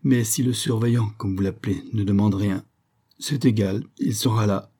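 A man voicing a wealthy young colonel in an audiobook reading, measured and persuasive. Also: lowish voice, fairly even intonation, mellow, breathy edge. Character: wealthy young colonel, firm yet courteous.

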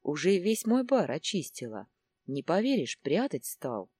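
Female narrator voicing a fretful middle-aged husband, low and husky. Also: very animated, a little slow, warm tone, dry recording, clean studio sound, full character voice. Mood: worried. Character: middle-aged man, worried husband, complaining.

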